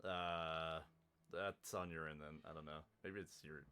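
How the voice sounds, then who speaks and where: A man's voice: very deep voice, steady tone, measured pace, sharp tone, a little hiss or hum. A man watching a game and chatting with dry, teasing banter and frequent laughs. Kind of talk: casual let's-play chat.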